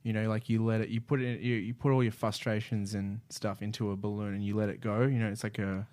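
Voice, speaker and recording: A man co-hosting a casual podcast, jokey and quick to tease the others. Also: on the low side, level tone, a little mellow, no echo. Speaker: podcast co-host.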